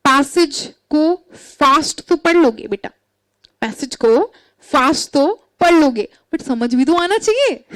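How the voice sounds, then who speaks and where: A woman teaching students in an online class, with a high, clear voice. She switches freely between Hindi and English, stops to check that the class is keeping up, and talks to them like an elder sister giving advice. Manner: mixes Hindi and English, asks students questions, addresses them as beta.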